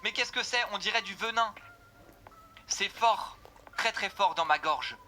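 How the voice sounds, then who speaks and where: Guy reading the lines of a game girl feeling every potion, kinda high, super bright voice, dramatic. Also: unhurried, a little hiss or hum. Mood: unsettled. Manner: dramatic first-person reading of sensations. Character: young woman game character feeling each potion's effects.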